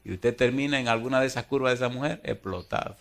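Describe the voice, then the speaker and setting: A middle-aged man preaching a sermon as pastor, animated and humorous, moving from hushed asides to loud exhortation. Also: mid-range voice, fast talker. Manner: humorous storytelling.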